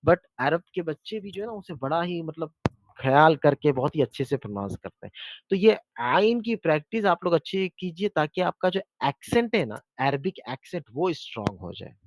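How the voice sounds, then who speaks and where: A man's voice: a little high, very animated. Patient male Arabic teacher on a call. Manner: patient, repeats words slowly for learners. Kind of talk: online beginner language lesson. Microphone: video call.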